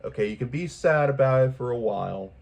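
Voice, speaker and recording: Talking a little fast in an animated, mid-range voice with vocal fry and a slightly mellow quality, a man delivers a casual, unscripted vlog pep talk. He rambles earnestly to his viewers, repeating points for emphasis.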